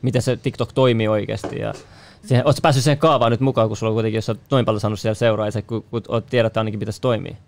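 A man's voice: lowish voice, steady tone, vocal fry. A man co-hosting a casual chat, talking in slang with boastful jokes. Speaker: podcast co-host.

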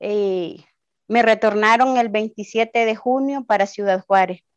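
Salvadoran woman telling her story slowly. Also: medium pitch, dry recording, muffled recording. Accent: Salvadoran Spanish. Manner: slow, hesitant, with many fillers. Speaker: interviewee, migrant. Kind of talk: personal testimony. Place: Ciudad Juárez.

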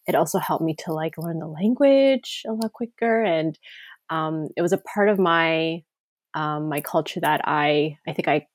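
A woman's voice: sits low, moderate pace, no echo, studio quality. A woman, a podcast guest chatting casually, with many fillers and restarts. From Canada. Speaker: guest, K-drama writer.

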